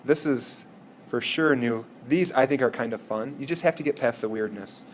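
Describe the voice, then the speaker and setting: A man's voice: mid-range voice, normal speed, slight background noise. Patient man teaching a math class. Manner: patient, checks in with students often. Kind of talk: classroom lecture.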